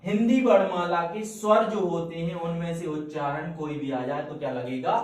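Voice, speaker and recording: A man teaching an English grammar lesson in a classroom, slowly repeating points and quizzing his students with questions. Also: a little high. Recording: echoey room, mic far off.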